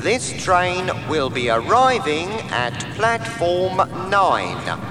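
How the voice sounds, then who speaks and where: A calm male railway announcer, as a man plays him makes a train station announcement in a very slow, high, lilting voice. It rings through a big echoing hall with a long tail of reverb. Music plays clearly behind him. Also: full character voice. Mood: announcing. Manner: slow, measured, evenly spaced announcing. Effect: train station public address announcement. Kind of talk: scripted language-course recording.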